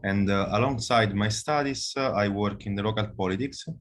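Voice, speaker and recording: A man's voice: fairly low pitch, normal speed. A man from Italy, a law student, introducing himself formally on a video call.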